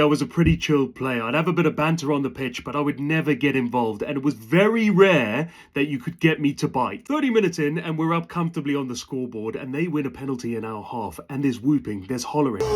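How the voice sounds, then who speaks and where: Male vlog host, fairly high voice, swooping lively delivery, self-mocking. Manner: lively, self-mocking, bursts into loud whoops. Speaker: rugby channel host. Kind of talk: animated storytelling to camera.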